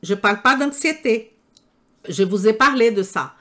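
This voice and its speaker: A woman's voice: a little high, expressive, normal speed, sharp tone. An older woman whose first language is not French, lecturing health professionals in an emphatic way, full of rhetorical questions. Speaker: nutrition trainer. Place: room with live audience.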